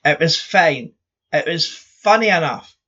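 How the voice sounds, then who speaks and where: A Scottish man with a fairly high, forceful, bright voice chats bluntly on a podcast, ranting and swearing without holding back. The sound is a bit dull and lo-fi. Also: expressive, a little slow. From Scotland. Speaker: podcast co-host. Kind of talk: casual chat.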